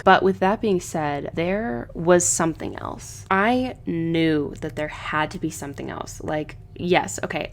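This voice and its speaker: A woman giving a casual, thoughtful book analysis, often pausing with "um" as she works through her ideas. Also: fairly low pitch, slight background noise. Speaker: book reviewer. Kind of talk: book analysis video essay.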